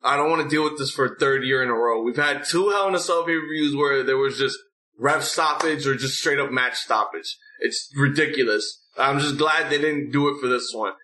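A man's voice: mid-range voice, normal speed, bright, forceful tone, poor audio. A man hosting a recap show in a casual, opinionated rant, blunt and full of swearing. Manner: blunt, profane. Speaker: host of a wrestling recap show.

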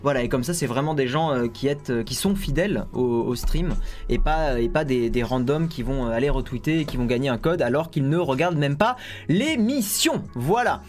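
A man's voice: mid-range voice, expressive, moderate pace, faint music behind. A man hosting a casual tech live stream, chatty and joking, with many fillers and asides.

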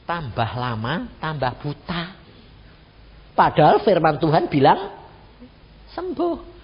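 A man, preaching a sermon as pastor, telling a family story with lively acted-out voices. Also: a little high, a little slow, breathy edge. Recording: dull radio broadcast in a reverberant hall.

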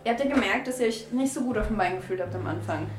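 A woman playing a tabletop role-playing game with friends, playful and excitable, often laughing. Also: medium pitch, fast talker, echoey room. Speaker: player. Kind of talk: tabletop role-play banter.

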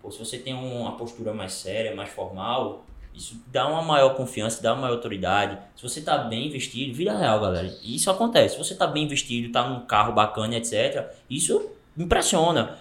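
A man's voice: medium pitch, expressive, fairly quick. A man with a Brazilian Portuguese accent, talking casually in a podcast discussion. He speaks emphatically and animatedly, with many fillers and restarts. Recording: roomy echo.

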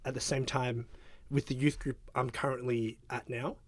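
A man's voice: mid-range voice, flat delivery, moderate pace, no room sound. A young man, a guest in a casual interview, talking hesitantly with lots of fillers. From Australia. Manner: hesitant, filler-heavy, soft-spoken.

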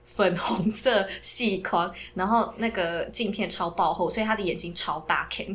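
A woman telling a personal story in casual chat, animated and often breaking into laughter. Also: mid-range voice, normal speed. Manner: animated, laughs often, restarts mid-phrase.

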